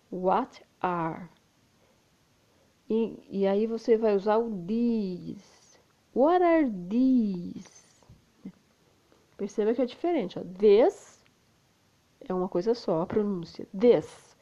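A woman with a Brazilian Portuguese accent, a native Portuguese speaker, teaching English and slowly repeating example phrases, often adding "né?". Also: mid-range voice, dark tone, lo-fi sound. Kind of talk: slow explanatory lesson.

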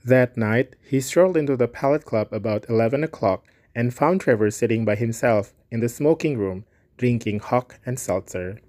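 A man reads a classic short story aloud in a measured, even voice. His pitch is ordinary for a man, and his narration runs along steadily and plainly. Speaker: story reader. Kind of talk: storybook reading.

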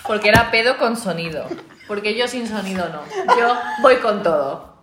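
A young adult woman co-hosts a casual podcast. She tells stories in an animated way and acts out the sound effects. The room is roomy, and faint noise sits behind her. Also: medium pitch, moderate pace. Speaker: podcast co-host. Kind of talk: casual chat.

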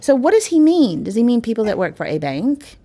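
A woman's voice: fairly high pitch, very animated, fairly quick, mellow, slightly rough. A woman in her forties, an industry panelist speaking emphatically in a casual discussion. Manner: emphatic, opinionated.

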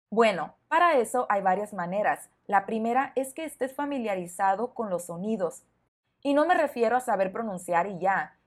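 Encouraging woman teaching Spanish. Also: medium pitch. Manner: clear, encouraging, speaks directly to the listener. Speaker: Spanish teacher, podcast host. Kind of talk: podcast lesson for learners.

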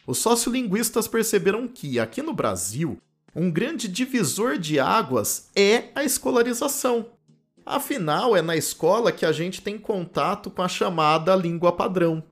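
Lively Campinas-accented man lecturing. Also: high voice, moderate pace, soft background music. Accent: Campinas interior São Paulo, retroflex caipira R. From Campinas, interior of São Paulo state, Brazil. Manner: animated and explanatory, often adds "né?" tags. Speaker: linguistics professor and podcast host. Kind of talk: explanatory podcast lecture. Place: home office.

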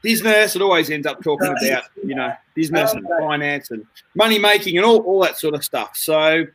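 Male podcast host, high voice, loose and chatty, stop-start delivery. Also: lively intonation, a bit bright, low-quality recording. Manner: chatty, halting, laughs easily. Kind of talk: casual podcast chat.

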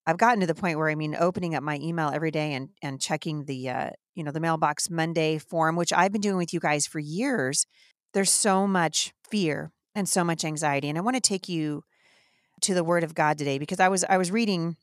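Indignant low-voiced woman host. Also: no echo, clean studio sound. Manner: indignant, emphatic, fast-flowing. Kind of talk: impassioned devotional talk.

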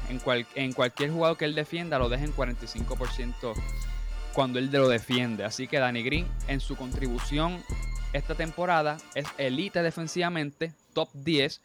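A man with a Caribbean Spanish accent arguing a basketball debate as a panelist, reeling off statistics and mixing in English terms. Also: mid-range voice. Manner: stat-heavy, with English terms mixed in. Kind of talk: argumentative sports debate with statistics.

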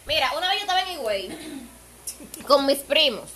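This is a Dominican woman trading stories with friends on a casual podcast. Her voice sits high and sounds bright and forward, and laughter keeps breaking into her lively, loud tales. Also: normal speed. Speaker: podcast co-host. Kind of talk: casual chat.

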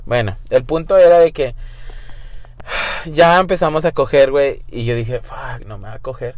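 A man's voice: medium pitch, moderate pace, no room sound. Campy young man telling a crude story. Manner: camp, crude slang, mixes English and Spanish. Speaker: guest storyteller. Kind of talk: casual storytelling.

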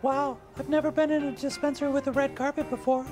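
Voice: high-pitched, level tone, quick pace, music in the background, natural voice. An actor voicing a naive character who muses aloud innocently in a comic parody. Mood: curious.

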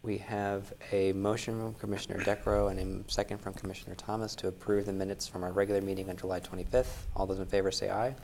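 A man's voice: deep voice, level tone, fast, vocal fry, hardly any pauses, a little mellow, a little hiss or hum. A man chairing a formal public meeting as commission chair, heard through a meeting room mic. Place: council chamber meeting room.

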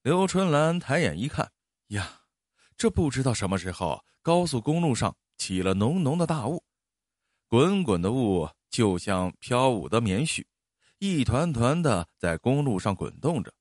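A man narrating a story in an expressive, animated storytelling style. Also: medium pitch, unhurried, dry recording, clean studio sound.

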